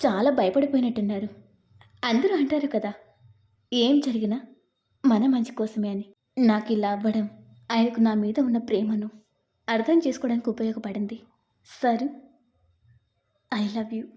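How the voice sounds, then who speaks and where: A woman's voice: fairly high pitch, normal speed, pauses often, mellow, close to an everyday voice. A woman voicing a cheerful, affectionate young wife in a read-aloud story. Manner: playful, affectionate.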